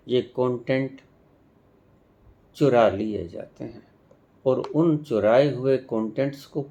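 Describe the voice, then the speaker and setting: A man giving a devotional discourse as a spiritual teacher, speaking in a measured way with long pauses and emphatic stresses. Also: medium pitch, a little mellow.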